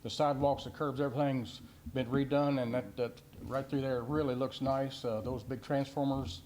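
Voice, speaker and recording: An older man with a Kentucky accent making a public comment at a hearing, polite and halting, with many fillers. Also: medium pitch, little pitch movement, a little mellow, slight background noise. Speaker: citizen speaking at a hearing.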